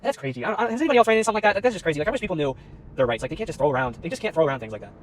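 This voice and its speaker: A man's voice: fairly high pitch, big pitch swings. A man in his twenties rambling through a storytime vlog, filled with "like" and acted-out dialogue, recorded on a phone outdoors. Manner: fast, rambling storytelling full of "like" and quoted dialogue. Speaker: YouTuber. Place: outdoors by a road in the heat.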